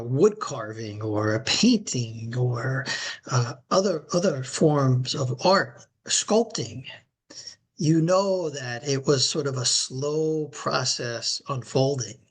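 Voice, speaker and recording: A man's voice: mid-range voice, lively intonation, slow pace, slightly rough. A middle-aged man co-hosting a podcast, chatting casually and rambling with many fillers and restarts. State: recovering from knee replacement surgery. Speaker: podcast co-host. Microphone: remote call audio.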